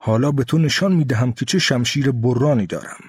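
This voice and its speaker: A man's voice: medium pitch, darkish tone, husky, no room sound, studio quality, big-room sound. A man voicing a brash, hot-tempered young male samurai who speaks in a taunting, scornful way in a storybook reading.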